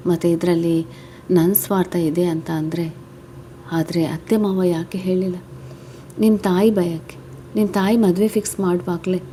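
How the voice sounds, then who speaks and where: Woman voicing a gentle, patient young husband. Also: lowish voice, slight background noise, natural voice. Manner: calm, reassuring explanations.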